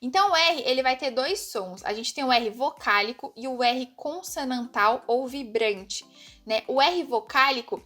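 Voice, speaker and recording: A Brazilian woman teaching German pronunciation in an online lesson, explaining step by step and repeating example words slowly. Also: high-pitched, animated, a bit bright, soft background music.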